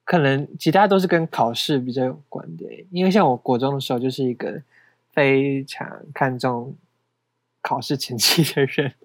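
Co-hosting a podcast, this young Taiwanese Mandarin speaker keeps things chatty and self-mocking, with frequent laughter. He has a mid-range voice, talks at a normal speed, and there's no room sound.

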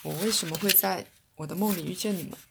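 Half-mad caped young man, shouting and indignant, gravelly low voice, as a woman reader puts him on. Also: fast talker, noisy background. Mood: frustrated.

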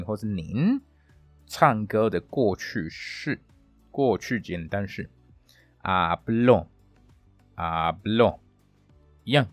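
Guy teaching spanish on his podcast, kinda low voice, slow careful repeats, dry mic w soft music under. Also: no echo. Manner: patient, repeats Spanish words slowly and clearly; halting, with fillers and self-corrections. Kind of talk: podcast language lesson.

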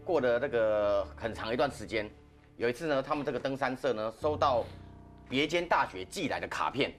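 A man's voice: medium pitch, lively intonation, brisk. A man casually telling a ghost story on a podcast, chatty, with frequent "ha" particles. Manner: chatty, laughs between lines, frequent "ha" particles. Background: background music.

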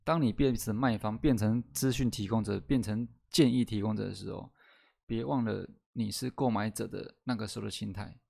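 A man hosting a podcast lesson, explaining step by step, often asking "right?" and slowing down to stress key words. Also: on the low side, fairly even intonation, creaky, a little mellow. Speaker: host teaching sales skills. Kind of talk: solo podcast lesson with slides.

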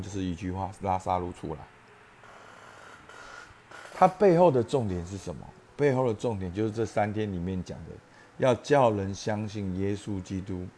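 A man's voice: on the low side, darkish tone, slight background noise. Earnest man preaching a daily devotional. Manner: earnest, asks listeners direct questions, swells to impassioned emphasis. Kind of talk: daily devotional sermon and prayer.

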